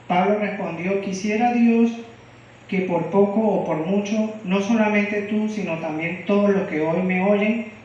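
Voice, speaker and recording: A slow, deliberate male preacher from Venezuela delivers a sermon and keeps asking the congregation questions. His voice sits a little high for a man. It carries through a very echoey church from a distant mic, with a dull, muffled sound. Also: darkish tone, slight background noise. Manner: asks the congregation frequent questions. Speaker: lay preacher.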